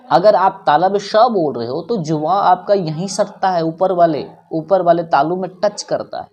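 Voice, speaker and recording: A man's voice: sits high, a little mellow. A man teaching pronunciation, repeating words over and over to demonstrate sounds and mixing in English phrases. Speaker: language teacher. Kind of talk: pronunciation lesson.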